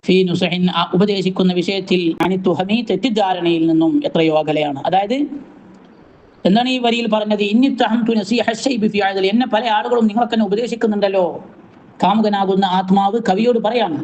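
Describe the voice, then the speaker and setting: A man teaching a religious class, chanting verses slowly and explaining them with quick rhetorical questions. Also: high voice, a little mellow, rough recording.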